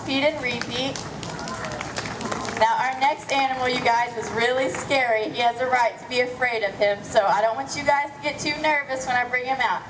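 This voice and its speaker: Casting: female zoo educator with a high voice, scripted live show, echoey and noisy sound.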